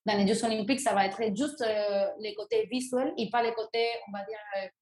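A young woman speaks in a casual, halting way. She often stops to restart her sentences and fills the pauses with hesitations. Her voice carries in a noticeably roomy, echoing space. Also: medium pitch, fairly even intonation, darkish tone. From Venezuela. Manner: halting, frequent restarts and fillers. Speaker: guest, breakdancer. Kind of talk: casual interview answers. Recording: roomy echo.

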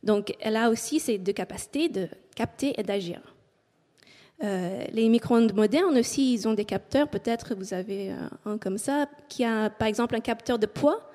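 This woman, from English-speaking Canada, delivers a French public talk off her notes in an auditorium, hesitating frequently with filler sounds and speaking with an English Canadian accent. Her voice is on the high side and mellow at a moderate pace, recorded with long hall reverb.

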